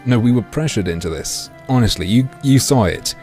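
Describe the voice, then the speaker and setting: A man livestreaming through a headset mic, reading a game aloud and joking crudely with his chat in a deadpan way. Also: medium pitch, fairly quick, soft background music.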